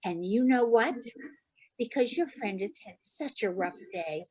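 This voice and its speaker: A woman plays a sly older hostess with a bossy, coaxing manner, talking slowly and deliberately in a raised voice. She wheedles her customers in a stage play. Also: fairly high pitch, expressive, darkish tone, poor audio. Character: scheming older woman innkeeper, pushy mother.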